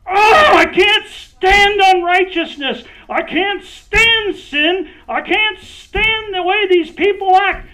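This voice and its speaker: A man voicing a stern, wrathful male God who cannot stand sin, shouting slow, drawn-out indignant cries. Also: very high voice, pitched above the performer's own voice, heavily acted. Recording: dull lo-fi recording.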